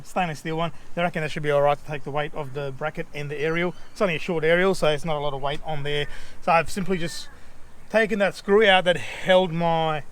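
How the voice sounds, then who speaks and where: An Australian man hosts a do-it-yourself how-to vlog outdoors next to a vehicle, talking in a casual, chatty, mate-to-mate way. His voice sits fairly high with a fairly bright tone. It was recorded on an action camera, giving outdoor camera audio with clear background noise.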